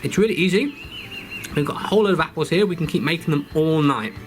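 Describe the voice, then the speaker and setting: A man's voice: fairly high pitch, quick pace, a little hiss or hum. A British man giving a live outdoor cooking demonstration by a campfire, instructive and friendly, speaking to children watching. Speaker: forest school instructor.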